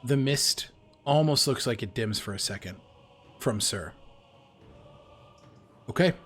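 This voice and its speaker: A man narrating as game master, unhurried and descriptive, with light music behind. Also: medium pitch, animated, fairly bright tone, breathy edge.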